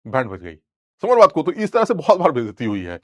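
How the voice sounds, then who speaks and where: Youngish guy teaching chem, kinda high voice, jokey and scolding, super dry close sound. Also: wildly swooping pitch, quick pace, darkish tone, no room sound. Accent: Hindi. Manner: colloquial, joking, scolding asides to students. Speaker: chemistry teacher. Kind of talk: lively classroom-style lecture with anecdotes.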